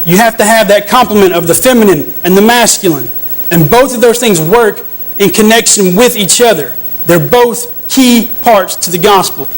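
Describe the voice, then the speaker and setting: High-voiced man preaching a sermon. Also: poor audio. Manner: earnest, repeats and restarts phrases; addresses the congregation with questions.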